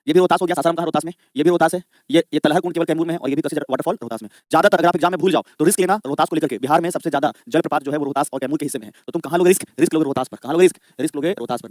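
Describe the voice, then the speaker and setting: A man's voice: on the high side, a little mellow, no echo, studio quality. A man teaching a live online exam-prep class, drilling students with repeated questions and answers.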